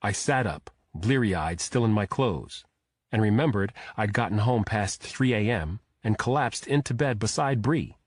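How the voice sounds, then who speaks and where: A man narrating a thriller audiobook in a steady, measured storytelling manner. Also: lowish voice, breathy edge, dry recording, clean studio sound.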